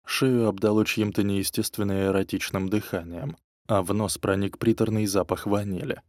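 A man's voice: lowish voice, flat delivery, normal speed, a little mellow, no room sound, clean studio sound. A man reading a first-person novel aloud as audiobook narration, with an irritated, sardonic edge.

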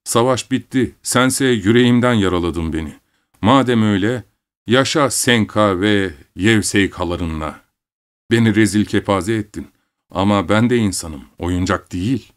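A man's voice: fairly low pitch, a little slow, smooth, lightly acted. A man doing a bitter, angry soldier father. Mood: wounded. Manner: angry, accusing.

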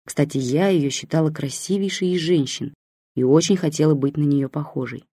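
Calm female audiobook narrator, mellow dark tone, dry studio sound. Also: deep voice, moderate pace, husky, dry recording. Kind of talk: first-person story narration.

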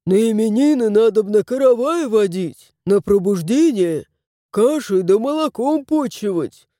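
A woman's voice: mid-range voice, expressive, unhurried, warm tone, no room sound, studio quality, close to an everyday voice. A woman voicing a lazy, smug plump male house cat who drawls and teases. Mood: teasing. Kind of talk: audiobook character voice.

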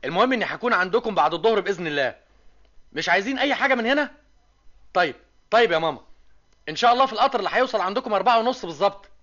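An actor playing a lively young male student in an old Egyptian radio drama, speaking with an Egyptian accent. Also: high voice, rapid-fire, pauses often. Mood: overjoyed. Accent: Egyptian Arabic. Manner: lively, teasing, excited. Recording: dull old radio recording with music.

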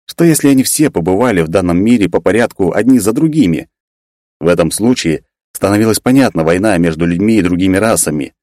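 Male fiction narrator, deep and dry, ponders aloud and bursts out in excitement. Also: no echo. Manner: musing, bursts into excited exclamations. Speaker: audiobook narrator. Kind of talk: first-person fiction narration.

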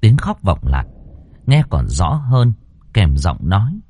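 A male storyteller reading a ghost story aloud with dramatic expression. His voice is low and mellow, swinging widely in pitch. The sound is close and dry. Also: huge pitch swings, a little slow, breathy edge, dry recording.

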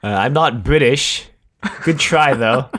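A man's voice: medium pitch, takes it slowly, a bit bright. A young man with a blended South African and American accent, co-hosting a podcast in casual, wry chat. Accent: South African mixed with American. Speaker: podcast co-host.

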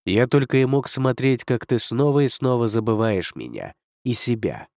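A man's voice: mid-range voice, animated, moderate pace, vocal fry, a little mellow, no room sound, studio quality. A man reading an audiobook, voicing a proud male dragon lord who speaks coldly and curtly. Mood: stern. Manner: cold, curt, commanding.

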